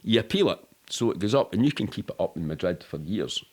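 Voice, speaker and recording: A middle-aged podcast guest from Glasgow spins casual anecdotes fast, in a husky, darkish, fairly low voice with a sing-song lilt. He is candid and rambling, and his language is full of swearing.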